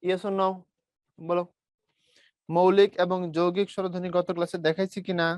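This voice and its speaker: A man's voice: high-pitched, little pitch movement, normal speed, clean tone, no echo, clean studio sound. A young adult man from Bangladesh with a Brahmanbaria-tinged Bengali accent, teaching an online class and modeling sounds aloud step by step. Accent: Bangladeshi Bengali, Brahmanbaria region. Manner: explains step by step, calls students brother, models sounds aloud.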